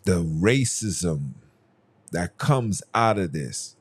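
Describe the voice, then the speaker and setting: Deep and slightly rough, the voice belongs to a young man from Haiti who hosts a solo podcast. His casual commentary comes out animated yet very slow, heated and emphatic, with frequent repetition.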